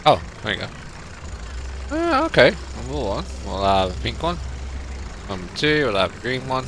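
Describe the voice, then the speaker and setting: The pitch of this young Lancashire streamer's mid-range voice swoops wildly as he plays a ride simulator and rambles to viewers, reading chat aloud. He sounds slightly nasal from a cold, with a bit of brightness, a moderate pace and slight background noise.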